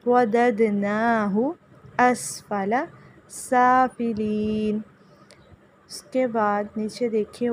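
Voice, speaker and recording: A woman's voice: medium pitch, a little hiss or hum. A woman teaching Quran recitation rules in a tajweed lesson, patiently correcting pronunciation and repeating words to show how they should sound.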